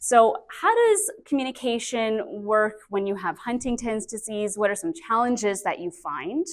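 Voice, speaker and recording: In a conference breakout room, a Canadian speech-language pathologist in her thirties gives a lively, chatty presentation full of fillers. Her voice sits a little high at a measured pace, picked up by a handheld or stand mic with feedback.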